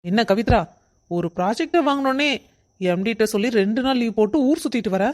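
Cast: man as a sarcastic, threatening cartoon boss, pitched high. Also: brisk, a little mellow, close to an everyday voice. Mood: scolding. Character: gruff scolding male office boss. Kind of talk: animated story voice acting.

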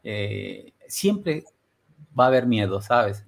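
A middle-aged podcast host speaks from a home studio room, running a casual video-call interview on a headset. His medium-pitched voice is gravelly, very animated and slow, and he talks reflectively, slipping into Portuguese-flavored Spanish.

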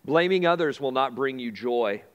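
A man's voice: medium pitch, animated, normal speed, muffled recording. A man preaching a sermon in a conversational way, repeating key phrases and asking the congregation questions. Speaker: pastor. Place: church sanctuary. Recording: long hall reverb.

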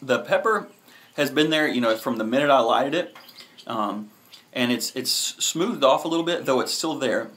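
Man casually reviewing, mid-pitched and hesitant. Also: lively intonation, normal speed, fairly bright tone. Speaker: cigar reviewer, host. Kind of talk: casual video review to camera. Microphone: camera at arm's length.

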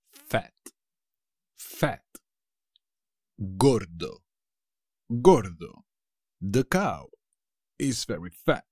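A man's voice: mid-range voice, a little mellow, no echo, studio quality. A man from Spain with a Castilian accent, teaching vocabulary in a playful way and repeating each word twice. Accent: Castilian Spanish. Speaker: language teacher. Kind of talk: vocabulary lesson, repeating words slowly.

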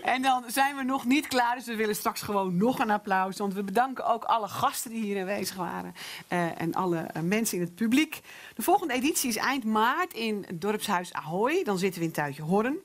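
Female host of a local talk show; practical, brisk closing remarks to the audience. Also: medium pitch, expressive. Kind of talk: closing announcements. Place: village café before a live audience.

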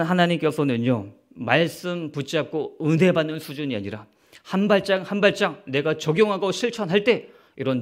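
High-voiced, animated male pastor preaching. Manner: rhetorical questions to the congregation; acts out quoted speech in the story. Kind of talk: sermon.

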